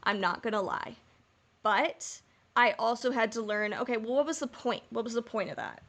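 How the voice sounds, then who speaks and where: She sounds animated and a little high-pitched, with a fairly bright tone and moderate speed. As co-host of a casual fan podcast, she talks openly and emphatically and occasionally swears.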